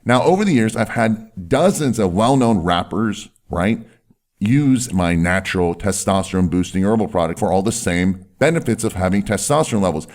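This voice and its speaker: Guy with a deep firm voice explaining tips, leans on key words, kinda salesy how-to. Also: expressive, normal speed, darkish tone. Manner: emphatic, stretches key words, often tags sentences with "right". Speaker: presenter giving voice and health advice. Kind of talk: instructional talk to camera or listener, salesy explainer.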